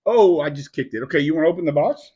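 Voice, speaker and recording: A middle-aged man hosting a casual live video at home, playful and teasing with a child, often dropping to a soft hushed voice. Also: on the high side, expressive, quick pace, breathy edge, dull audio.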